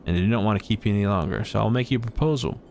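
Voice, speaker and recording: A man voicing a calm, wise street cook who speaks in a slow, grand way. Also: on the low side, gravelly, a little hiss or hum. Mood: gracious.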